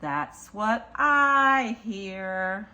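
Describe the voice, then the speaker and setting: A woman with a mid-range voice, bright, expressive and forceful, reads a picture book to young children as a story time reader. Her delivery is slow and deliberate, full of singsong repetition, and she speaks straight to the small listeners with simple asides.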